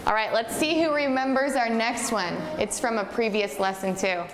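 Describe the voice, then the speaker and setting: A fairly high-pitched woman speaking at normal speed, with crowd noise around her, teaches young children English at a whiteboard. She's American, in her twenties, patient and encouraging, often offering praise. A far camera mic records the space, which is echoey with long reverb and noise.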